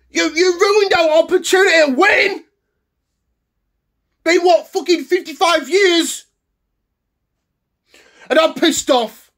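A man playing an angry young football fan in a comedy sketch, ranting and swearing with shouted bursts. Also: extremely high pitch, exaggerated voice. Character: furious English male football fan ranting. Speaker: comedy character.

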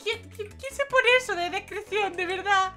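Giggly, excitable Spanish woman gamer. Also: extremely high pitch, normal speed, over music. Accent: Spain Spanish. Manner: excitable, giggly, yelps "wow" as a dog. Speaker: gaming host. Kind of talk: casual let's play commentary.

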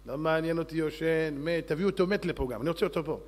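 A man's voice: a little high, long reverb tail, close to an everyday voice. A man voicing a hot-tempered king who barks out commands and threats. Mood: commanding. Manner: commanding, barking orders.

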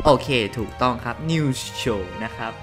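A man's voice: mid-range voice, a little slow. A man hosting a gaming channel, giving casual gameplay commentary in a chatty, joking way. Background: game music.

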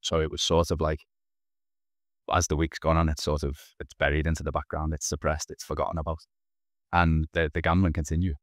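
A man in his thirties speaks in an extremely low, level voice at a fairly quick clip, with studio-quality audio and no room sound. He's a podcast guest on a video call, wearing headphones in a small indoor room, telling his own story candidly and earnestly while often restarting his words.

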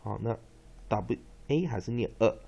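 Slow gravelly male pronunciation teacher. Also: fairly low pitch, mellow. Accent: Taiwanese Mandarin. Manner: slow drilling, repeats words and syllables many times. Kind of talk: phonics lesson. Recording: dull lo-fi recording.

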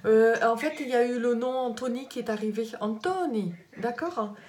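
Woman medium, reassuring, halting with fillers, fairly high voice, echoey room, crowd noise behind. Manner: reassuring, with many fillers and "d'accord, hein" checks. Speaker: medium giving a reading. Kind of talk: casual spiritual consultation.

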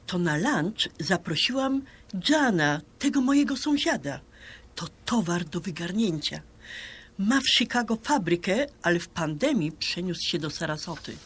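In a radio drama, an actress with a lowish, slightly breathy voice plays a brash, flirtatious Polish woman of about sixty. She banters breezily and boastfully, sprinkling English words into her Polish.

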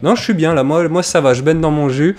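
A man's voice: on the high side, brisk, darkish tone. A French man hosting a live web show, friendly and reading viewer comments aloud. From France. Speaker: host.

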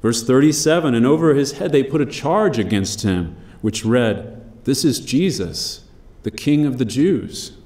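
A man preaching a sermon, measured and emphatic, slowing down on key phrases. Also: medium pitch, animated, darkish tone, roomy sound. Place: church.

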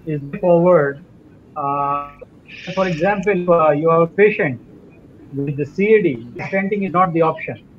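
A man holds forth on a conference call, his high voice squeezed into a thin, phone-like band. He lectures haltingly and restarts his sentences often. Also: a little hiss or hum. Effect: video conference call audio. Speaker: doctor panelist. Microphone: remote video call. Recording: tinny breaking video-call line.

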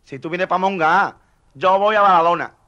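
A man's voice: sits high, moderate pace, sharp tone, lo-fi sound. A man voicing a stern civil guard in a joke.

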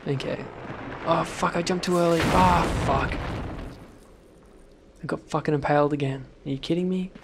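A man commentating gameplay, swearing constantly and shouting at sudden deaths in a noisy home recording. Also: on the high side, steady tone, moderate pace, gravelly, long pauses. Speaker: let's play gamer.

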